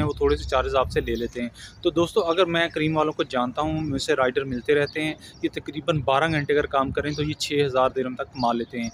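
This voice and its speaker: A man, giving earnest job advice to viewers in a casual vlog, recorded outdoors on a camera held at arm's length. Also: fairly high pitch. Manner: earnest, advising, addresses viewers as friends. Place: outdoors on a grassy lawn by buildings. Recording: outdoor ambience with traffic noise.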